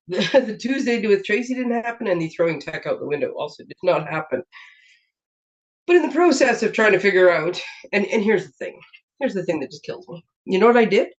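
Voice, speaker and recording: A woman hosting a casual craft live stream from her home desk, rambling and laughing often, a bit congested from a sinus infection. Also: lowish voice. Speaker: host of a papercraft live stream. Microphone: webcam setup. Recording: dull lo-fi stream audio.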